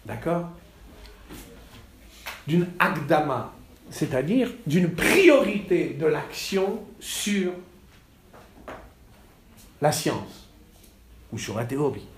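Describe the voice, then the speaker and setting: Male teacher in class, fairly high voice, halting delivery with lively stresses, roomy echo. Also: a little hiss or hum. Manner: halting, repeats words, animated stresses. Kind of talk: classroom text study.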